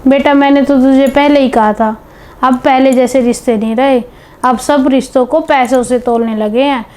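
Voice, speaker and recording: A woman playing a caring mother-in-law who gently advises her daughter-in-law in a family drama. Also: high voice, steady tone, normal speed, lightly acted. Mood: consoling. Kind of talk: scripted home video family drama. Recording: background music under dialogue.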